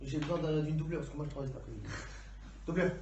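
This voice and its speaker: A man's voice: fairly high pitch, very fast, dull audio. A man taking part in a homemade cooking video with casual, joking banter. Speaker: participant in an amateur cooking video. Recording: echoey, distant, noisy room.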